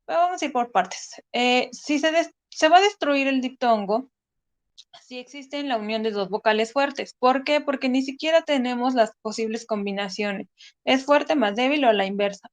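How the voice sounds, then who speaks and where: A woman with a Mexican Spanish accent teaches an online lesson, her voice pitched somewhat high. She explains step by step in a patient manner, stopping often on "eh". The recording is close and dry, with no room sound. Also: no room sound. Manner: patient, explanatory, with frequent "eh" fillers. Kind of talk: online class lecture.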